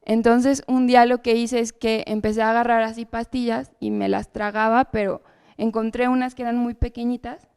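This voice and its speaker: A woman shares her personal testimony at church in an earnest storytelling manner. Her fairly high voice carries a gravelly edge yet stays smooth and resonant. The recording is dry and close. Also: little pitch movement, normal speed, darkish tone, no room sound. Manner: earnest storytelling with frequent tag questions. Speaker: church speaker giving testimony.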